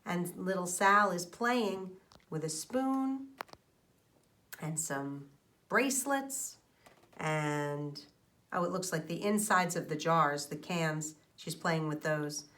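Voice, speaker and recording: A teacher with a lowish voice takes her time reading a storybook to children. She reads expressively, explaining as she goes and putting questions to her young audience.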